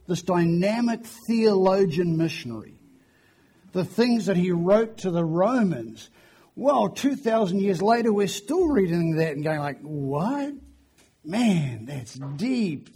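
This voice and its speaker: A man, preaching a sermon in a church, hoarse after the flu and chatty in a self-deprecating way. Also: sits high, dark tone. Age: 50s. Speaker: guest preacher.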